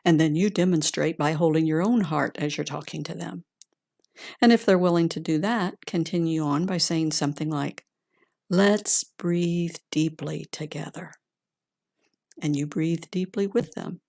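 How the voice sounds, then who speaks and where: Calm, low-voiced woman guiding a grounding exercise. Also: vocal fry, dry recording, studio quality. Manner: slow, gentle, deliberate with long pauses. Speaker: guided grounding exercise instructor. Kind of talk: calm guided grounding exercise, slow soothing instruction.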